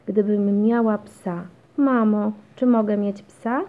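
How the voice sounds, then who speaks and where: A woman's voice: steady tone, takes it slowly, natural voice. A woman reading a children's storybook, voicing a stubborn, cheeky little girl who whines and insists. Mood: pleading. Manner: high, whiny and insistent. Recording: dull lo-fi recording.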